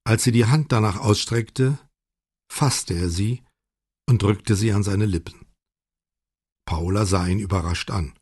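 A man reading a novel aloud in measured, even scripted narration. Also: on the low side, breathy edge, dry recording, studio quality. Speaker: audiobook narrator.

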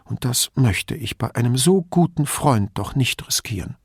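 A man voicing a frail, chatty old widow who rambles and confides in a hushed tone. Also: expressive, moderate pace, husky, dry recording, clean studio sound. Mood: confiding. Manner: rambling, confidential, lowers voice to a whisper.

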